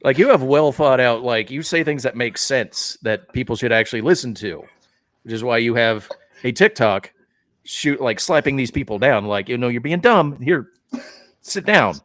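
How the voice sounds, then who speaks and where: A man hosting a podcast in casual chat, animated and rambling, full of fillers and restarts. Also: mid-range voice, normal speed, dry recording, clean studio sound. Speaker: podcast host.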